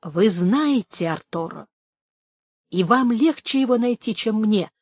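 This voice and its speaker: A woman voicing an anxious, secretive old male duke who speaks low and cautiously, in a storybook reading. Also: lively intonation, measured pace, breathy edge, no echo.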